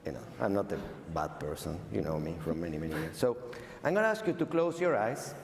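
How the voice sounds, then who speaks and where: A playful male host teases his guest, his low voice rough with gravel. The sound is roomy, with a long hall reverb and a faint crowd behind him. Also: fast talker. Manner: playful, teasing, animated. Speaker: conference host and interviewer. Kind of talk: onstage interview. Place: large hall at a live event.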